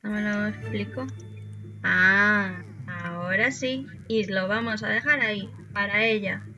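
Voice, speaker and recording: A woman's voice: medium pitch, unhurried, pushed and bright. A woman from Spain casually commenting on her life-simulation game and chatting to her characters. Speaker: gaming YouTuber. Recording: dull lo-fi sound.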